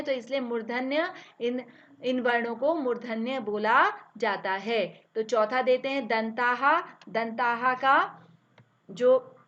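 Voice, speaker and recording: A woman teacher explaining a lesson step by step, asking questions and answering them herself, and drawing out each letter slowly as she sounds it. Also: fairly high pitch, fairly bright tone. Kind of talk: classroom grammar lesson. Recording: dull, lo-fi recording.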